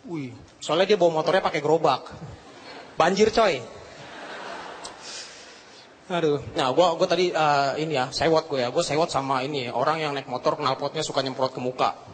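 A man's voice: a little high, normal speed, long pauses. A man doing a stand-up comedy routine, full of slangy, self-mocking punchlines. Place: TV studio stage before a live audience. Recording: TV broadcast with crowd and noise.

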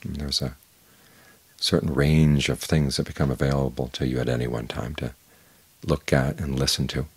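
An older man, a Buddhist monk, giving a calm, measured evening Dhamma talk with unhurried pauses and a husky voice. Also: rumbling low, no room sound.

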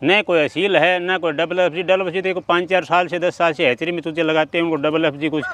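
A man's voice: on the high side, fairly even intonation, fast, fairly bright tone, dry recording. A middle-aged man, a poultry farmer explaining his work earnestly, step by step, in an outdoor interview. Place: outdoor farm among chickens. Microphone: handheld mic at mid distance. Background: chickens clucking and crowing.

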